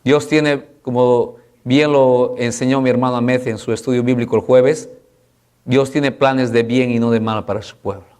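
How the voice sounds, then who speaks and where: A man preaching a sermon as pastor, pleading with the congregation through repeated rhetorical questions and swinging from loud, high exhortation to low, soft passages. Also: steady tone, normal speed, clean tone.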